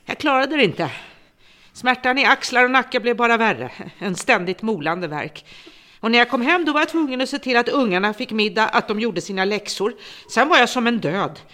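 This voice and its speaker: A woman's voice: on the high side, lively intonation. An actress playing a worn-out middle-aged woman who has become a bitter, vengeful captor, speaking in a brooding, resentful monologue. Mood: bitter lament. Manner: bitter, brooding monologue turning to hushed menace. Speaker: embittered former home care worker holding a captive. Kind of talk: radio drama acting.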